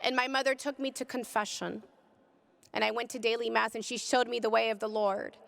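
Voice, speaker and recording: A woman giving an impassioned personal testimony, speaking with deep feeling and rising to cries at its peaks. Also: flat delivery, a little fast, gravelly, fairly bright tone, in a large hall. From California. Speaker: pro-life speaker. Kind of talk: emotional testimony talk.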